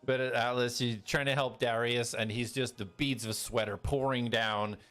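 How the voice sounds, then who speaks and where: A man acting as game master, narrating a fantasy tabletop game in descriptive, drawn-out phrases. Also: medium pitch, steady tone, fairly bright tone, clean tone. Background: background music.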